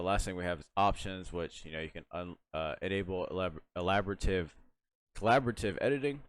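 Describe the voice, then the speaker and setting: A young man with a very deep, low voice walks through a software tutorial in a loose, rambling way. He fills his talk with "uh" and "like", restarts his sentences and yawns now and then. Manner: rambling, lots of fillers and restarts, yawning. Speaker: tutorial host. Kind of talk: casual screen-recorded software tutorial.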